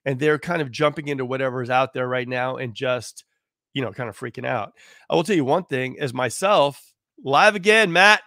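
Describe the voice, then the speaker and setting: A hoarse man, a real estate agent, talking casually on a live stream in a rambling way full of fillers. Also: medium pitch, normal speed, pushed and bright, no room sound, studio quality. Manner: rambling, full of "you know" and "like".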